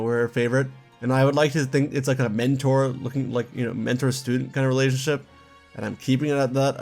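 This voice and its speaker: A man chatting casually in his own commentary video, quick asides and laughing at his own jokes. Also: medium pitch, vocal fry. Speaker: YouTube gaming commentator.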